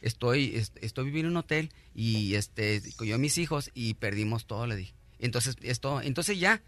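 A middle-aged man, a guest on a radio show, telling his own story in a halting, earnest way, full of restarts and thanks. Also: mid-range voice, lively intonation, a bit bright, dry recording.

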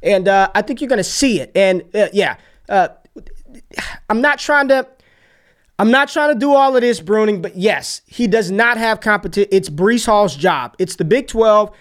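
High-voiced excitable football analyst. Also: male voice, moderate pace. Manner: energetic, excited, talks over plays. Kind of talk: casual film breakdown commentary.

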